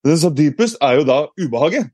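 A man's voice: fairly high pitch, animated, darkish tone, slightly rough, no room sound, studio quality. A man giving a casual explanatory talk, reflective, with frequent hesitations and restarts. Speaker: speaker.

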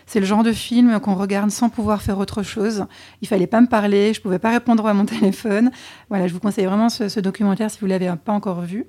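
A woman chatting candidly as a podcast co-host being interviewed, often pausing with hesitations. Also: medium pitch, warm tone. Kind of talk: casual interview answers.

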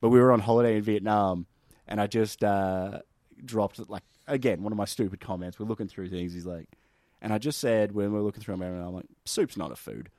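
A man's voice: on the low side, steady tone, fairly quick, darkish tone, no echo, studio quality. A man hosting a podcast, telling stories in a casual, laid-back way and swearing often. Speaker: podcast host. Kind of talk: casual chat.

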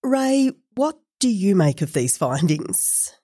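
A woman hosting an academic discussion podcast, speaking in a measured, thoughtful way. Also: mid-range voice, big pitch swings, warm tone, no room sound, studio quality. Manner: measured, thoughtful, some fillers. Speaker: podcast host.

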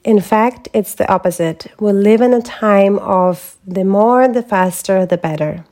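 A woman hosting her own wellness podcast, talking alone from a script. Her voice is mellow and soft-toned, at a middle pitch. She keeps a calm, measured, reflective pace throughout. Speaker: podcast host and holistic health coach. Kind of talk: scripted solo podcast talk.

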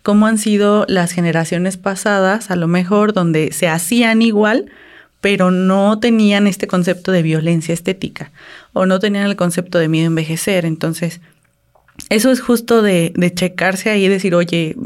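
In her 30s, this podcast co-host speaks at a medium pitch with a steady tone and moderate pace. She reflects aloud on a casual show, posing questions to herself.

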